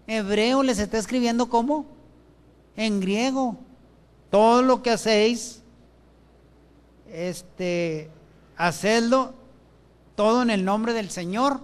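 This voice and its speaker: A man preaches a sermon through a microphone in a church. His voice sits high for a man, and he reads scripture verses aloud. He poses questions to the congregation and answers them himself. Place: church with benches. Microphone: handheld or stand microphone.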